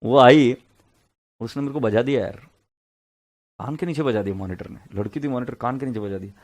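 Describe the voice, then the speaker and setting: A man's voice: medium pitch, a little fast, darkish tone. Male lecturer, middle-aged, chatty, joking, storytelling to a class. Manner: chatty, joking, mixes Hindi and English. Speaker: accounts lecturer. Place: classroom with students.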